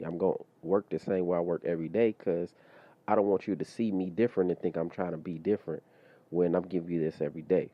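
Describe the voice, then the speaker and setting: A man with a very low, deep voice talks off the cuff on his solo podcast, looping back with fillers and asides. His comes through in a relaxed, conversational flow. The audio is a bit dull and lo-fi. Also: dry recording. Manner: loose conversational, many fillers like "you know what I mean". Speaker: podcast host. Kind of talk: casual solo podcast monologue.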